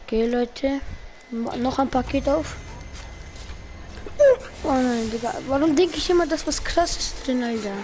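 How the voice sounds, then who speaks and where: A woman streaming gameplay, talking in heavy street slang and swearing at teammates in excited bursts. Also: sits high, a little slow, long pauses, slight background noise, poor audio. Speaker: gaming streamer. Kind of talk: live gameplay commentary.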